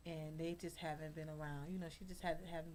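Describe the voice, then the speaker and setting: A woman guest on a talk show, a fashion designer telling stories in a blunt, chatty way and jumping into a high voice to act out what people said. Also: a little fast, a little hiss or hum. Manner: lively storyteller, acts out quotes in a high voice; blunt, chatty, says "honey" often. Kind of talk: casual talk-show interview.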